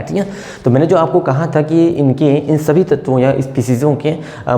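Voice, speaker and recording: A male teacher gives a chemistry lesson at the board and talks over each step as he writes. He repeats key terms slowly and keeps checking in with his students. His voice is dark and mellow, and the room rings with long reverb. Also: medium pitch. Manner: checks in with "ठीक है". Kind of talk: whiteboard lecture.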